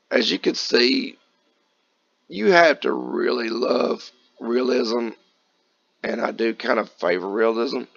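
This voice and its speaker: A man from Kentucky, raspy from just waking up, chatting casually through gameplay commentary in a relaxed, folksy way. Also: mid-range voice, lo-fi sound. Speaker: gaming channel host.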